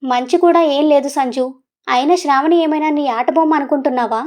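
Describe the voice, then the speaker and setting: A woman's voice: sits high, a little fast, a little mellow, lightly acted. A woman voicing a young man, an earnest and troubled husband, in a serious, pleading way.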